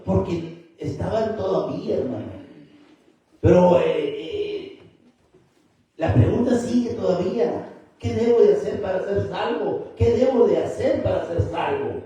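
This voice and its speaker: A man with a strikingly high yet mellow voice preaches an emphatic sermon, turning again and again to his listeners as brother. He is recorded from a distance in a very echoey church hall. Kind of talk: Spanish-language church sermon. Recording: very echoey hall, mic far off.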